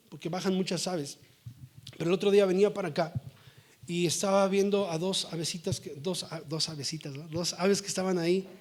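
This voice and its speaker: A male pastor preaching a lively sermon in church, often calling on the congregation to say amen. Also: sits high.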